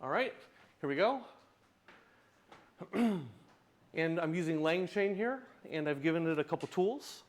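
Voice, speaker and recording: A man's voice: on the high side, expressive, unhurried, pauses often. A man presenting a live demo in a tech lightning talk, with wry, self-deprecating humor. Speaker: tech conference speaker, open source project founder.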